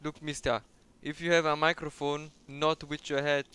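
A man's voice: a little high, little pitch movement, normal speed, clean tone. A man with a German accent, playing a brash, teasing police officer in game role-play over voice chat. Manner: brash, shouting orders, teasing.

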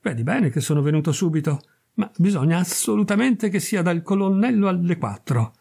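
A man's voice: high-pitched, animated, brisk, gravelly, mellow, slightly rough, voice pushed up, exaggerated voice. A man reading aloud voices a young army captain who is ashamed and evasive and stammers in embarrassment. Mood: awkward. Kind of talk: audiobook reading of a classic tale.

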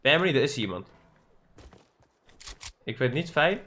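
A young man commentating his own Fortnite match for his channel, excitable and swearing, with English slang mixed in. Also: mid-range voice, normal speed. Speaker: gaming YouTuber.

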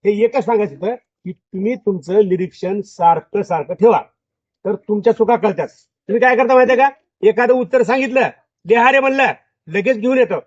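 A man's voice: high-pitched, brisk, dry recording. A male school teacher teaching a classroom of pupils, repeating his questions over and over as he drills them. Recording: dull lo-fi, dry sound.

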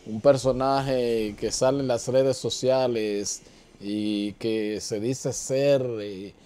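A man hosts a TV interview in a mellow, dark-toned voice. He speaks conversationally and often pauses with fillers while he gathers his questions. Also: mid-range voice, fairly even intonation, clear, resonant tone. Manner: conversational, hesitant with many fillers. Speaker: TV host.

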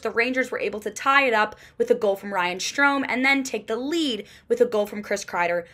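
A young woman delivers a scripted postgame hockey report with a fairly high voice. She reads steadily and clearly, in a small room at home on a webcam mic. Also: bright, forceful tone. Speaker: sports reporter.

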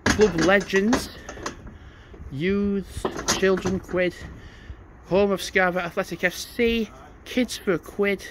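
A man with a fairly high voice and an unhurried pace, chatting as he walks outdoors. He thinks aloud and reads signs out as he goes. Loud wind buffets the mic throughout. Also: fairly even intonation. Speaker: vlogger. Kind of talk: casual walking vlog narration. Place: outdoors on snowy paths by a stadium.

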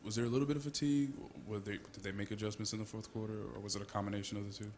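A man's voice: lowish voice, steady tone, very fast, a little mellow, a little hiss or hum. A male sports reporter asking multi-part questions at a press conference.

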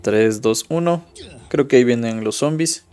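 A man's voice: mid-range voice, moderate pace, a little mellow. A young man from Ecuador giving casual live commentary while playing a mobile game and chatting with viewers. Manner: casual, chatty, reads viewer chat aloud. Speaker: streamer.

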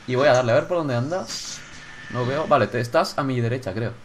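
Excitable gamer narrating his game. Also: mid-range voice, fairly quick, slight background noise. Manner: excitable, swears, shouts when startled. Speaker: gaming YouTuber. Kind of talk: casual gameplay commentary.

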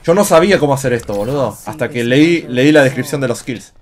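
A man's voice: mid-range voice, fast. A man with an Argentine Spanish accent, chatting and joking casually while streaming a game. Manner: joking, teasing, excitable. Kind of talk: casual gaming stream chat. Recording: faint game music behind. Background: faint game music.

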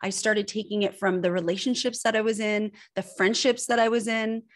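An American woman in her thirties from Northern California appears as a guest on a video-call interview, speaking as a personal branding and image expert. Talking from an indoor room at home through her video call microphone, she shares personal stories candidly and expressively in a brisk, conversational way, her voice mid-pitched.

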